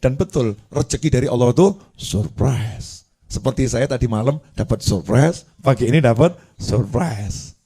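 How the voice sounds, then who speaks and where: A man's voice: medium pitch, expressive, a little slow, warm tone, husky. A man gives a playful sermon, quizzing his listeners and acting out little scenes. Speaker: preacher.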